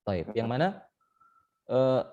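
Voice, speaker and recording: A man's voice: mid-range voice, very animated, slow pace, dark tone, lo-fi sound. A young man teaching tajwid in an online class over a call mic, explaining step by step with frequent "eh" and "baik". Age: young adult. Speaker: Quran recitation teacher.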